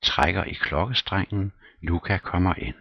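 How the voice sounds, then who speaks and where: Male reader, deep and husky, reading a play's stage directions calmly. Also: lo-fi sound. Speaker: narrator. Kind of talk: reading a play aloud.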